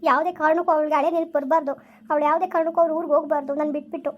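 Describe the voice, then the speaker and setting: A woman host acting out an anxious, possessive mistress of the house in an amateur family drama. Her voice is high and her speech quick and fretful. She turns to her viewers to ask for support. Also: flat delivery, muffled recording. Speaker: channel host and actor.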